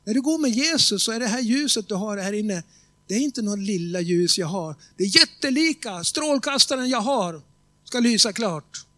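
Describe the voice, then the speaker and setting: A man preaching a sermon in a conversational storytelling way, often checking whether the congregation is following and slowing down to stress key words. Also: high voice, animated, sharp tone, no echo. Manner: tells stories with quoted voices and emphatic slow stresses.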